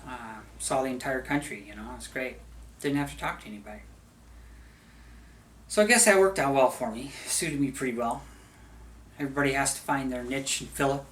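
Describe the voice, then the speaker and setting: A man's voice: medium pitch, fairly quick, pauses often, low-quality recording. A middle-aged man from the United States hosting a video, talking in a casual, rambling monologue full of wandering, jokey asides. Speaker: video host. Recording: steady background noise.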